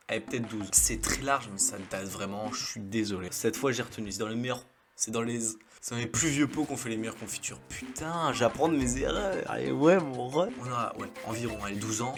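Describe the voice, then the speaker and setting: A young man, a YouTuber, casually telling funny anecdotes to camera in a slangy, chatty way, often laughing at his own stories. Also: medium pitch. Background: music.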